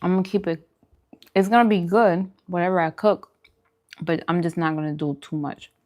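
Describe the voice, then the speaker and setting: In a laid-back mukbang chat with her viewers, a vegan food vlogger speaks conversationally and encouragingly, with a reflective air. Her voice is fairly low and somewhat dark, at a moderate pace.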